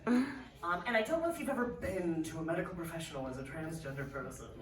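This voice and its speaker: A man's voice: fairly high pitch, animated, fast. A man performing a stand-up comedy set, telling stories conversationally with fillers at a live venue. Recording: distant roomy stage recording with noise.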